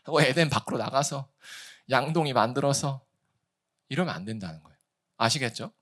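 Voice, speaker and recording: A man preaching a sermon as pastor, in a conversational way, asking the congregation questions and acting out the complaints he quotes. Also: brisk. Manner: lively, acts out quoted complaints with big swings in pitch and volume.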